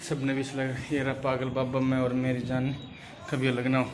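A man's voice: medium pitch, completely flat delivery, normal speed, noisy background. A young man, chatting casually as he walks through temple grounds, filming himself on a phone at arm's length. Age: young adult. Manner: chatty, calls viewers brother, narrates as he walks. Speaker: travel vlogger. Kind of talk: casual walking vlog. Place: temple grounds and stairwells, indoors and out. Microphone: phone held at arm's length.

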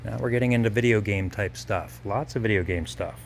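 A man's voice: fairly low pitch, vocal fry, a little hiss or hum. A man previewing auction lots in a gallery warehouse, listing items one by one in short bursts while filming on a phone. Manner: brisk item-by-item listing. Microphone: handheld phone camera.

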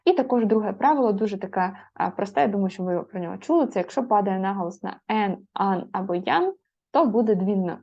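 A woman teacher explaining spelling rules to students, patient and methodical, pausing on fillers and spelling out letters. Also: medium pitch, lively intonation, vocal fry, dark tone. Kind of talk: spoken grammar lesson. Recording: slightly dull lo-fi audio.

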